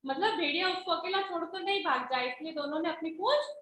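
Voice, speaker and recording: A woman's voice: very high-pitched, fast, fairly bright tone, echoey room, a little hiss or hum, low-quality recording. A woman teacher explaining a Hindi lesson patiently, often checking that her pupils follow. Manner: patient, keeps checking with "है ना?" and "ठीक है?".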